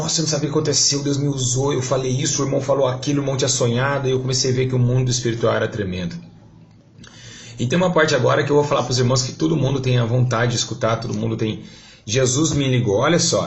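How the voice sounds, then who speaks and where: A man's voice: medium pitch, vocal fry. A man with a Brazilian Portuguese accent, a pastor telling a fervent testimony, his voice rising when he recounts his prayers. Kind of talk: testimony preaching. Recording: dull lo-fi recording.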